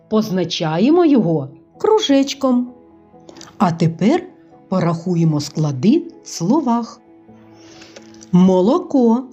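A woman teaching a scripted phonics lesson to young children, speaking slowly and patiently. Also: medium pitch, mellow, husky. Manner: slow, patient, sing-song teaching to small children. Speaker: kindergarten teacher. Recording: dull lo-fi recording with faint music.

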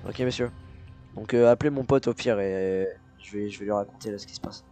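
A smug, scheming youtuber barks orders and threats in fast casual slang, played by a man in a Minecraft role-play. His voice sits low. Faint music plays behind. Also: mellow, natural voice. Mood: smooth-talking. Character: scheming male youtuber framing a friend.

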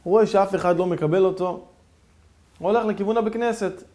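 A male rabbi giving a sermon, telling a story dramatically with sudden swings between hushed and loud. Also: high-pitched. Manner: animated, theatrical storytelling with sudden swings in loudness.

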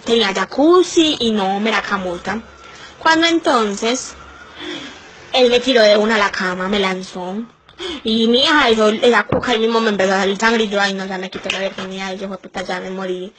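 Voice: medium pitch, background noise, lightly acted. A performer playing a crude, chatty young Colombian woman with a Paisa accent, confiding a story with dramatic exclamations in a comic monologue.

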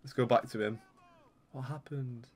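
A man's voice: mid-range voice, normal speed. A young man giving casual, rambling commentary while playing a video game. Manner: chatty, rambling, excitable when things go wrong. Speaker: gaming YouTuber.

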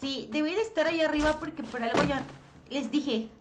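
A young Mexican woman livestreaming a game, chatting with viewers and reacting excitedly. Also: high-pitched, moderate pace. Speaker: livestream gamer. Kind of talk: live game stream chat. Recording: loud game noise behind.

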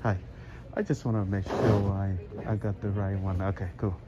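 A middle-aged travel vlogger walks through a large indoor airport terminal, narrating a casual vlog into a phone held at arm's length. He rambles and repeats himself in a lowish, level voice at normal speed. The lo-fi audio has music in the background and clear, noisy terminal ambience.

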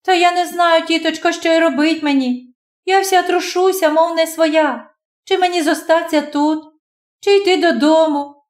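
A woman's voice: very high-pitched, fairly even intonation, moderate pace, pitched above the performer's own voice. A woman voicing a frightened, trembling village girl who pleads breathlessly. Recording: roomy echo.

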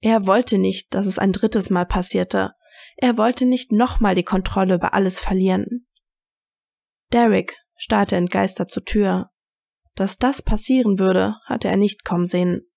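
Gravelly-voiced woman reading a story. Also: mid-range voice, darkish tone, dry recording, studio quality. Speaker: fanfiction reader. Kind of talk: audiobook narration.

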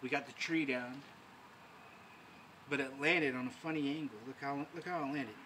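A man narrating his own tree cutting on his phone camera outdoors, talking casually and haltingly with many fillers. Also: mid-range voice, steady tone. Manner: rambling, hesitant, with many fillers. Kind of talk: casual self-filmed narration. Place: outdoors by trees and power lines. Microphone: phone camera held by the speaker. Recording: loud outdoor noise.

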